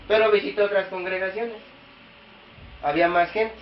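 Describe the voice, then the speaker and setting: High-voiced preacher in an echoey room. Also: male voice, steady tone, moderate pace, a little hiss or hum. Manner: questions the congregation directly, rising to emphatic peaks. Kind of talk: sermon to a small congregation. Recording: echoey room, dull lo-fi sound.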